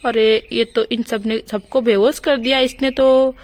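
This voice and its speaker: A woman voicing a village husband and father in a doll storybook, speaking in a lowered voice with a fussing, boastful manner. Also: fairly even intonation, measured pace, a little mellow, lightly acted.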